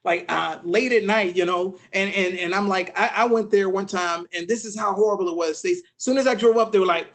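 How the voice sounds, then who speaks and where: A man from Savannah, Georgia, doing a stand-up comedy set for an online webinar, animated and acting out voices with sudden loud bursts. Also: high voice, a little fast, hardly any pauses.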